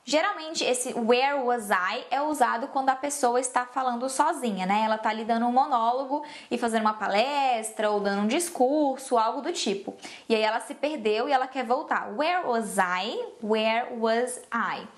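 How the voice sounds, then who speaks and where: A woman's voice: a little high, a little fast. A woman teaching English in a casual, playful way, acting out sarcastic example phrases. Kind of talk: casual lesson to camera.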